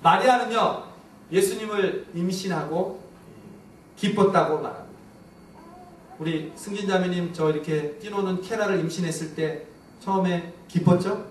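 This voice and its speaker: High-voiced male pastor preaching in an echoey church. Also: moderate pace, long pauses. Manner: emphatic preaching, rising on repeated lists, dropping low and soft on key words. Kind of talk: sermon. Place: church sanctuary. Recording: echoey church room from a distance, faint background hiss.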